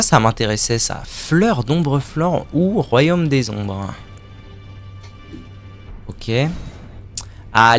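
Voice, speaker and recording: A man streaming a video game live, chatting casually with his viewers, joking and swearing as he plays. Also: medium pitch. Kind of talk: live gameplay commentary.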